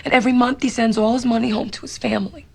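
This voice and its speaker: A woman's voice: on the high side, steady tone, rapid-fire, creaky, darkish tone, slightly rough. An actress playing a frightened, pleading young woman in an emotional television drama. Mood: defensive. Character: frightened, pleading young girlfriend confessing to her boyfriend.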